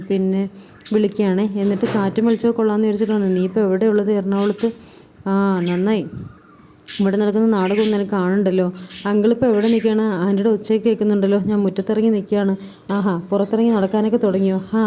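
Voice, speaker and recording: A woman runs through a serial episode at a quick clip, chatty and informal, slipping into the characters' lines as she goes. Her voice is dark and mellow. A faint ambient hum sits behind her. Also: medium pitch. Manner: chatty, keeps adding a tag word at line ends, acts out the dialogue lightly. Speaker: serial review vlogger. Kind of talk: casual retelling of a TV serial episode.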